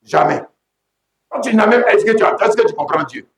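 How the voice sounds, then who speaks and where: A man preaching a sermon as pastor, emphatic and repetitive, often breaking into shouts. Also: high-pitched, animated, fairly quick. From Côte d'Ivoire. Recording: echoey room.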